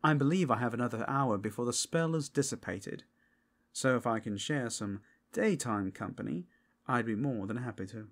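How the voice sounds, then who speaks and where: This audio roleplay features a man voicing a flirtatious, genteel vampire who never ages, his pitch swinging lively. He teases with drawn-out delivery and playfully antique, gentlemanly turns of phrase.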